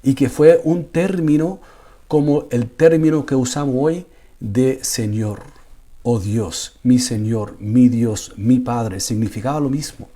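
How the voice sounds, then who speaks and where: Imam giving a personal testimony, warm low-toned voice, repeats words, builds to fervent pleading. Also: male voice, slow pace.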